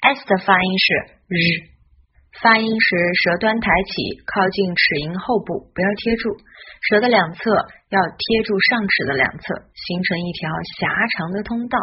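A woman giving a scripted English pronunciation lesson in Chinese, spelling out letters and modeling each sound slowly. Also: medium pitch, husky, highs cut off.

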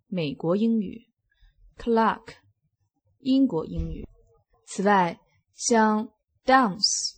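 Slow, measured woman reading a lesson. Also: on the low side, a little mellow, slightly rough. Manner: measured reading, word examples said one by one. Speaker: English teacher. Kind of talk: scripted lesson narration.

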